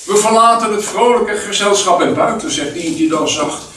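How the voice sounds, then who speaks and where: A man tells a first-person memoir in a slow, deliberate storytelling voice that sits fairly high for a man. He is heard from some distance in a very echoey space. A faint hiss of noise runs underneath. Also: bright, forceful tone. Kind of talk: reading a memoir aloud.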